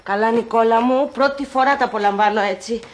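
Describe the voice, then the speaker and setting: A sharp-tongued woman who milks her pretend sickness with theatrical flair, as an actress plays her. Her voice sits high and carries a brash, mocking edge. A faint noise runs under this old film comedy recording. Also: close to an everyday voice.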